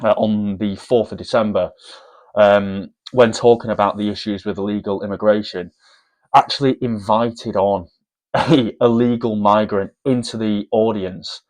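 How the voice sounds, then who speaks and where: A man's voice: on the low side, fairly even intonation, a little slow, a little mellow, low-quality recording. A man giving opinionated commentary to viewers, with frequent restarts and repeated words. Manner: hesitant, repeats words, addresses viewers as guys. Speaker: commentary vlogger.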